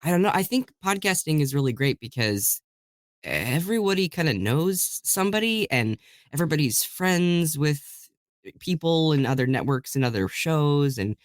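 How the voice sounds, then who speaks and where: A man with a medium-pitched, expressive voice speaks at normal speed in clean studio sound with no echo. He's a voice actor and audiobook narrator appearing as an interview guest, chatting casually and enthusiastically about his work and chuckling as he talks.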